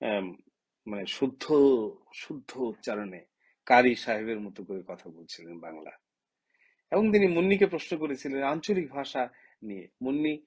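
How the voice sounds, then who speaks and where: Husky man posing impassioned rhetorical questions. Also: mid-range voice. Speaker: writer giving a talk. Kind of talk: direct-to-camera opinion talk.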